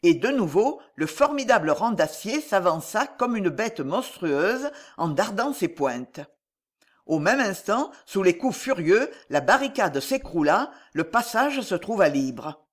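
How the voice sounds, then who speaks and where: An audiobook narrator reads a swashbuckling novel with dramatic expression. The pitch moves widely, rising and falling with each turn of the action. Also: sing-song, unhurried.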